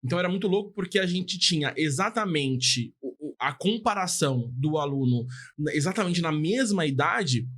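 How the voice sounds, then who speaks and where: A man hosting a casual podcast interview, asking relaxed, slightly hesitant questions. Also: on the high side, normal speed, husky. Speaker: podcast host.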